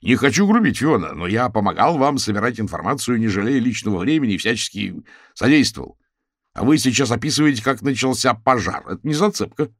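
A man's voice: medium pitch, lively intonation, fast talker, few pauses, dry recording, clean studio sound, voice pushed up. A man voicing an indignant agitator who accuses and riles up a crowd in an audiobook. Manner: loud, accusing, combative. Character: indignant middle-aged man stirring up a crowd.

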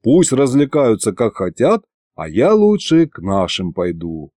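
A man narrating a first-person audiobook in an animated, ironic storytelling manner. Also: mid-range voice, measured pace, dry recording, clean studio sound.

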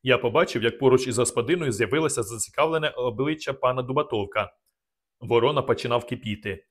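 A man narrating a novel as an audiobook in the first person. His delivery is calm and measured, with a mid-range pitch.

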